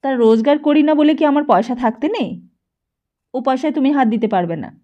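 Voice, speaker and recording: A woman's voice: a little high, moderate pace, lo-fi sound, close to an everyday voice. Woman playing a short-tempered young son. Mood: angry. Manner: curt, angry retorts.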